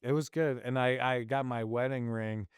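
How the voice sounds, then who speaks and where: A middle-aged man hosting a podcast, telling a personal story in a casual, animated way and laughing often. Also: medium pitch, moderate pace, clean tone, no room sound, studio quality. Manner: animated, laughs often, acts out quoted voices. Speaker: podcast host.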